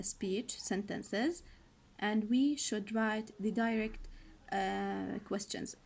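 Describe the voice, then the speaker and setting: Woman teaching English slowly. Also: fairly high pitch, a little mellow. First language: Arabic. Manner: reads each English line slowly, then explains it in Arabic. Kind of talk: recorded online lesson.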